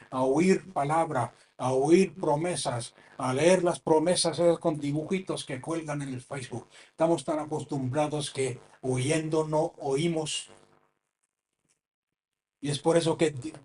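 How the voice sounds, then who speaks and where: A man from preaching a sermon, swinging between loud impassioned cries and low, hushed phrases.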